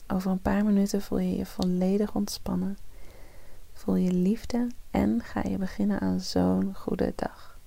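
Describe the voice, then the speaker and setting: Female meditation host, soft spa-style whisper, breathy and mellow, heavy creak, very dry close sound. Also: mid-range voice, level tone, no room sound. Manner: soft, breathy half-whisper, slow and soothing. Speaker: host of a morning meditation podcast. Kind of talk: guided morning meditation, soft soothing ASMR-like delivery.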